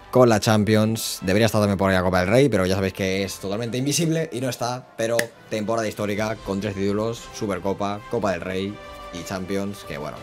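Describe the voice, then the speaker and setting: A man, a gaming YouTuber commentating his own video game match, excitable and quick to swing between muttered asides and shouted play-by-play. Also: lowish voice.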